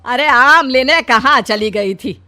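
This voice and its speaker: A woman's voice: high-pitched, slow pace, sharp tone, faint music behind, exaggerated voice. A woman voicing a scolding, nosy middle-aged mother-in-law in a cartoon, with nagging outbursts. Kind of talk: Hindi cartoon voice acting.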